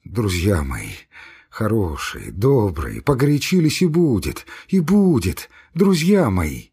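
A man reading aloud, voicing a pompous, blustering older army doctor who speaks slowly and deliberately in a quavering voice. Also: fairly high pitch, sing-song, husky, voice pushed up, exaggerated voice. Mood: soothing.

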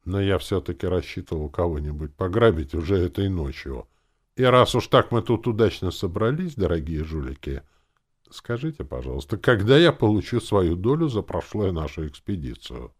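A man's voice: low voice, very animated, normal speed, voice pushed up. A man voicing a mocking, hot-headed young male gambler who talks with a sneer. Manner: sneering, loud. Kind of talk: audiobook character voice.

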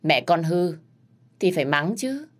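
A woman's voice: lowish voice, very animated, a little slow. A woman voicing a stern older mother who lectures and scolds her grown daughter. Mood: scolding.

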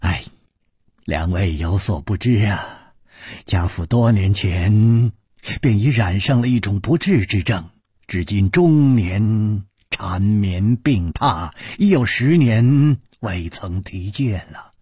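A man doing a sighing, courteous young gentleman. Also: fairly low pitch, very animated, slow pace, slightly rough, dry recording, studio quality, pitched below the performer's own voice, heavily acted. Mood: somber.

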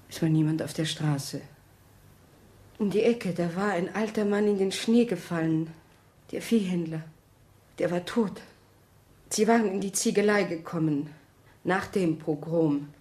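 A woman's voice: on the low side, lightly acted. A woman playing a shaken young courier. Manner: hushed, flat reporting that breaks into pleading. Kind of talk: 1960s-style radio drama acting.

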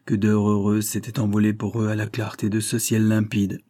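Brief: male narrator, low dark voice, slightly husky, calm measured audiobook reading. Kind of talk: scripted narration of a novel.

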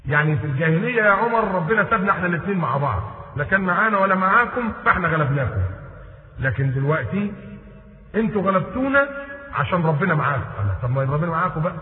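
A man's voice: high-pitched, animated, very fast. A middle-aged man preaching with an Egyptian accent, telling a story and acting out the dialogue in shifting voices. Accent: Egyptian Arabic. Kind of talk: sermon storytelling. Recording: tinny lo-fi audio in echoey hall.

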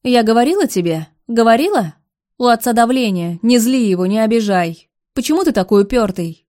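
A woman voicing a brash young mistress who scolds and snipes in a loud, spiteful way. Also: a little high, fairly quick, lightly acted. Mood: scolding.

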